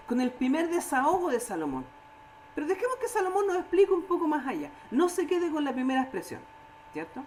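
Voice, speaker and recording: A woman with a Chilean Spanish accent leading a church Bible study, animated, acting out quoted voices and often checking in with her listeners. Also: high-pitched, a little hiss or hum, poor audio.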